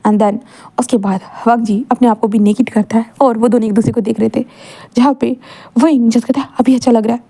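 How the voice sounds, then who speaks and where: A young woman tells a romance story at a brisk clip, voicing the dialogue herself and slipping English words into her sentences. Her voice sits a little high yet sounds mellow and soft-edged, with easy fillers and restarts along the way. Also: steady tone. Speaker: fan fiction narrator. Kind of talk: casual storytelling narration with dialogue.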